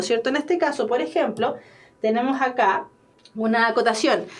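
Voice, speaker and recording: A woman with a Chilean accent teaching an exam-prep lesson, talking casually and checking in with tag questions. Her voice is high. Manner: chatty, explaining with tag questions.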